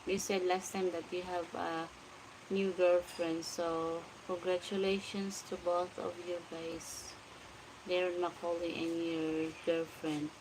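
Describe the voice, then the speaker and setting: A Filipino woman in her forties, speaking with a Filipino accent, chats slowly in a lowish, level voice on a casual late-night livestream from home. She greets viewers by name while reading their comments aloud, with noise in the background.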